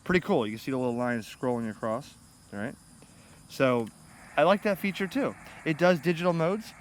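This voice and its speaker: A middle-aged American ham radio hobbyist with a fairly high voice hosts an unscripted vlog about his gear at a moderate pace. He rambles informally and enthusiastically while sitting on grass beside a pond under shade trees, and the camera audio picks up clear ambient noise.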